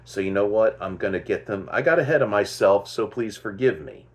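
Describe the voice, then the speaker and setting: A man's voice: lowish voice, animated, brisk. A man hosting a casual music commentary, thinking aloud and stopping to correct himself as he goes. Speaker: host.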